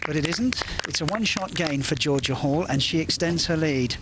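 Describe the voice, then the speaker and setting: A man giving live golf commentary in a measured play-by-play manner, mixed with relaxed chat. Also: on the high side, background noise.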